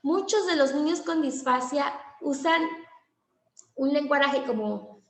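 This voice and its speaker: A woman teaches a class on language therapy at a slow, deliberate pace. Her voice sits high and has a gravelly edge. The recording carries a noticeable room echo. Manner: explanatory, acts out child and teacher exchanges. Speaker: teacher trainer.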